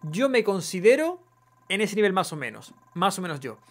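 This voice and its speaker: A man's voice: high-pitched, sing-song, normal speed, a bit bright. Chatty streamer man. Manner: chatty, swears casually, reads chat aloud. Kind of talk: casual live gameplay chat.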